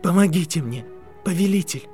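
Male reader as a frantic boy, high and loud, pleading with a trembling voice; faint music. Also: expressive, normal speed. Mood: begging. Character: desperate boy, son of prisoners.

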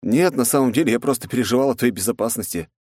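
A man voicing a calm, teasing young male hero in an audiobook, with a wry delivery. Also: medium pitch, quick pace, no room sound, studio quality, voice pushed up, natural voice. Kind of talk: audiobook dialogue.

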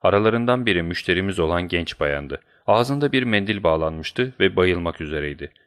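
A man narrating an audiobook in a steady, measured storytelling voice. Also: low voice.

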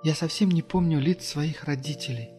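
A man voicing a hushed, sorrowful ancient girl. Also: fairly high pitch, big-room sound, music in the background, pitched above the performer's own voice, natural voice. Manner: quiet, slow, sorrowful. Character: ancient sad being in a little girl.

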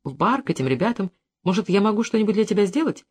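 An audiobook reader voicing a patient, slightly guilty husband who speaks softly and coaxingly. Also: medium pitch, very animated, quick pace, breathy edge. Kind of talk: audiobook character reading.

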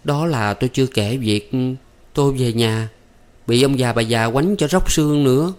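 A man's voice: mid-range voice, normal speed, voice pushed up, close to an everyday voice. A man reading a story aloud, voicing a shy, anxious young servant girl. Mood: worried. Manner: pleading, flustered, coy protests. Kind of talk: audiobook character voice.

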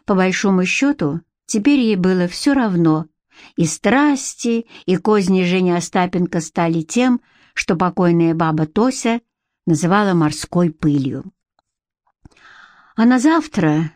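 A woman's voice: fairly low pitch, a little mellow, dry recording. Woman narrator, dry close studio read. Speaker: audiobook narrator. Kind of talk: scripted narration.

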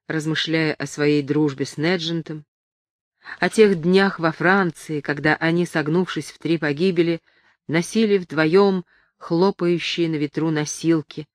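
A woman reading a novel aloud as the narrator, in an even, measured way. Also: sits low, no echo. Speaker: audiobook narrator.

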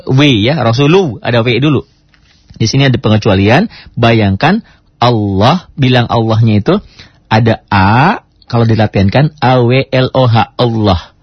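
A male recitation teacher leading a tajwid lesson. He speaks with a Jakarta Indonesian accent, and he patiently drills syllables slowly, jumping up high on the sounds he is teaching. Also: husky, no echo. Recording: dull dry lo-fi radio recording.

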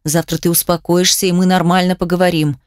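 A woman reading aloud voices a domineering, possessive husband in a low, menacing hiss. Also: level tone, brisk, no room sound, clean studio sound, natural voice.

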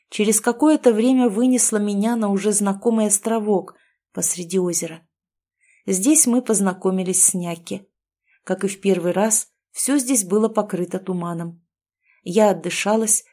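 A woman narrating a dark first-person story, her storytelling steady and expressive. Her voice sits at a middle pitch for a woman, neither high nor low. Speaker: audiobook narrator.

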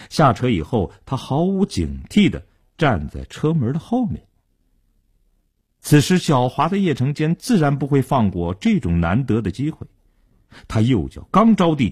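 A male storyteller narrates a crime tale with a husky voice and big swings of pitch. His radio storytelling is dramatic and animated, rising and falling with the action.

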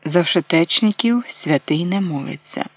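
A stern male elder from a storybook, measured and even as he questions the crowd, voiced by the narrator. His voice stays near the reader's own, mid-pitched and plain. The sound is dry and close. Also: husky, no room sound.

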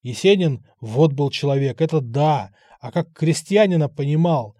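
Man doing a rushed boastful young ex-soldier, excitable, mellow dark voice, dry close sound. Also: fairly high pitch, no echo. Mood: eager. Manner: rushed, eager to prove himself.

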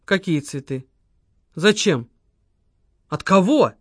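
A woman voicing a rude, impatient male boss who speaks hoarsely. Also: on the low side, animated, slow pace, dry recording, clean studio sound, exaggerated voice. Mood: puzzled. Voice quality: hoarse, rasping.

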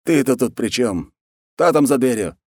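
A man's voice: mid-range voice, animated, normal speed, darkish tone, dry recording, studio quality, pitched above the performer's own voice, lightly acted. A man voicing a fat, lazy and cruel khan who talks in a peevish, bossy way.

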